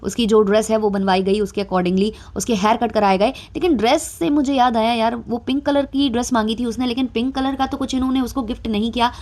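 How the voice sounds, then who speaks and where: A woman's voice: a little high, fairly even intonation, brisk, few pauses, darkish tone. A young adult woman talking through gossip commentary in a chatty way, with frequent filler sounds and a mildly sarcastic edge. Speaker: commentary vlogger.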